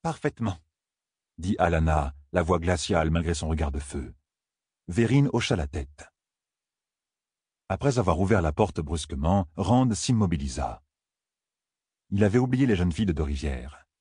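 A man narrating a fantasy novel as an audiobook, in a measured, even storytelling manner. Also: sits low, breathy edge, no echo, clean studio sound.

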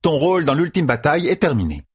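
A stern, blunt matriarch healer, put on by a male audiobook reader in a lifted, lively voice. She barks short orders and scolds without softening. The voice is husky around the edges. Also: fairly high pitch, quick pace, pitched above the performer's own voice, heavily acted. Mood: firm. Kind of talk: audiobook character voice.

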